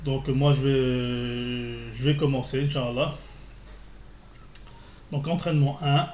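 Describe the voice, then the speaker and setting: A man teaching a beginner lesson, patiently drilling syllables and pausing often with fillers. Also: mid-range voice, fairly even intonation, darkish tone. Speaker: Arabic teacher. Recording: echoey room with faint noise.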